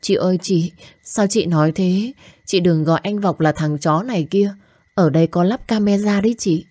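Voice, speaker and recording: A woman's voice: fairly low pitch, moderate pace, dark tone, no room sound, natural voice. A woman voicing a young girl in a storybook, earnestly pleading for the fighting to stop. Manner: anxious, begging.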